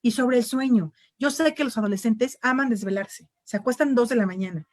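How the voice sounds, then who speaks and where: A woman with a high, bright-toned voice chats as a parent guest on a discussion panel. She talks animatedly. The sound is close and dry, with no room echo. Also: a little fast. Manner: animated, acts out quoted parent and child voices. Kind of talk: casual panel chat.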